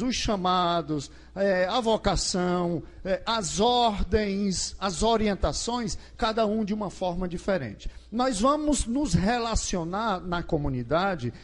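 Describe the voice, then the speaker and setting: Lively, high-voiced Brazilian preacher. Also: male voice. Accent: Brazilian Portuguese. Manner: asks the crowd questions and acts out scenes. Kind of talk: lively sermon. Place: large gymnasium.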